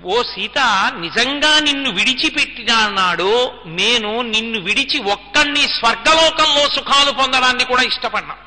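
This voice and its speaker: A man voicing a devoted young prince speaking tenderly to his wife, in a gentle, earnest retelling with long hall reverb. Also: very high-pitched, expressive, normal speed, heavily acted.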